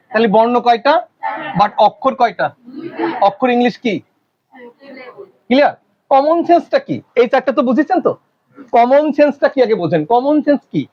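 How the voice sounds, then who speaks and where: A male teacher giving a classroom lecture, constantly quizzing his students with quick questions. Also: extremely high pitch, muffled recording.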